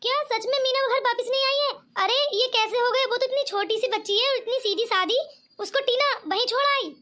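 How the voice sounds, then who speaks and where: A woman's voice: very high-pitched, a little fast, sharp tone. A woman voicing a sly young sister-in-law in a cartoon comedy, showing fake sympathy and mocking behind backs.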